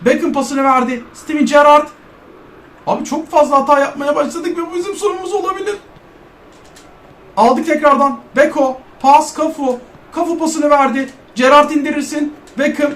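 A man commentating his own football video game match in Turkish-accented speech, calling passes play by play and shouting at scoring chances. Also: extremely high pitch, fairly even intonation, moderate pace, reverberant. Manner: play-by-play calls, shouting at chances, urging "bas bas". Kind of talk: excited self-commentary while playing.

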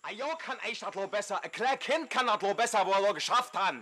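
A man's voice: high voice, lively intonation, fast, crowd noise. A man playing a berserk, indignant builder who rants and scolds in a Saarland accent, in a comic dialect dub. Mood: indignant rage. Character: berserk, raging man berating incompetent building workers.

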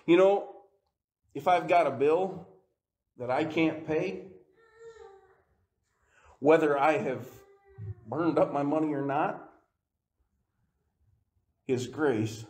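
Slow-paced and pausing often, a male pastor gives a sermon punctuated by frequent laughs. His voice moves from quiet, low moments toward rising, emphatic climaxes.

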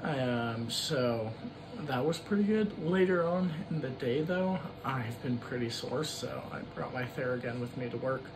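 Guy in his 20s doing a laid out casual vlog recap indoors, average pitch, noisy audio. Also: expressive, measured pace. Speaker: running vlogger. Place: indoors in a room at home.

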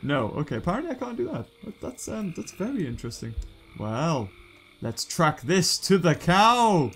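A young British man giving casual gameplay commentary in a goofy, jokey, excitable way. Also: on the high side, normal speed, a little hiss or hum. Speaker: gaming YouTuber.

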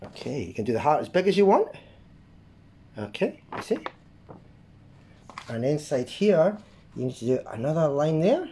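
Lively art-class host making sound effects. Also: medium pitch, normal speed, long pauses, slight background noise. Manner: lively, makes playful sound effects while drawing; keeps checking in with the viewer. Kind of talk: drawing lesson for kids.

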